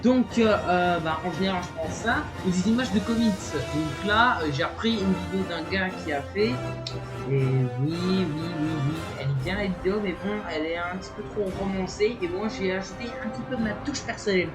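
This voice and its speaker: A man introducing his channel's video in a loose, chatty way, tripping over restarts and filler words as he goes. He pokes fun at himself as he talks. Music plays clearly behind him. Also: high-pitched, brisk. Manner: rambling, many fillers and restarts; playful, self-mocking. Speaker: YouTube channel host. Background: background music.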